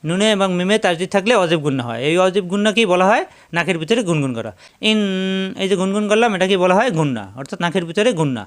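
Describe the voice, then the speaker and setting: A man teaching Arabic letter pronunciation in Bengali with a Bangladeshi accent, slowly drilling syllables one after another. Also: high-pitched, expressive. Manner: slow, repeats syllables for drilling. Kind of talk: step-by-step recitation lesson.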